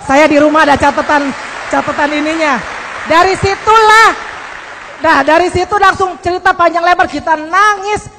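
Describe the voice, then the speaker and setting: A woman giving a lively sermon testimony to a congregation, acting out the voices in her story. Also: extremely high pitch, normal speed, crowd noise, noisy background. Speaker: church speaker giving testimony. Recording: long hall reverb.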